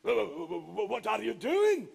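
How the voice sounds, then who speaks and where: A man voicing a huge, blustering, boastful male giant ogre who shouts and stammers when flustered. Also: extremely high pitch, sing-song, unhurried, gravelly, pitched above the performer's own voice, exaggerated voice. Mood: panicked. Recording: live stage with music.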